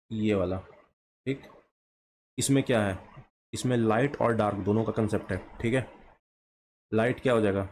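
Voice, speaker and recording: A man's voice: on the low side, a little mellow, a little hiss or hum. A man teaching a shorthand lesson, drawing as he goes and asking questions that he then answers himself. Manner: slow, asks himself questions and answers them. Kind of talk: explaining a lesson while drawing.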